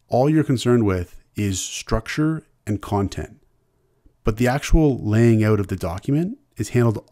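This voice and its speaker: A university instructor with a low, mellow voice and Canadian English accent gives a screencast lecture. He explains in a relaxed, conversational way, restarting his sentences repeatedly.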